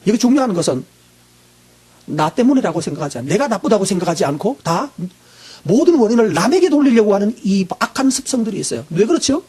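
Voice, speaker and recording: Husky, high-pitched male pastor preaching. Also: very animated, fast, darkish tone. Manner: asks the congregation questions and answers them himself; clears his throat often. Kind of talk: sermon.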